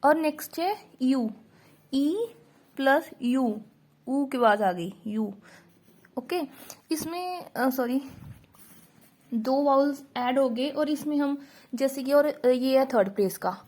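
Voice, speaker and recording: A woman gives a shorthand lesson at an unhurried pace. Her voice sits fairly high, and she says each example word aloud again and again. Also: expressive, darkish tone. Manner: slow, repeats example words aloud, mixes English into Hindi. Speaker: shorthand teacher. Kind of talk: casual tutorial explaining shorthand.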